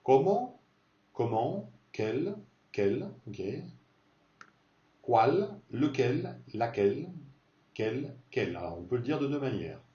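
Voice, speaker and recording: A man teaching a beginner Spanish lesson, repeating words slowly to model pronunciation. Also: mid-range voice, animated, mellow, roomy sound, far from the mic, highs cut off.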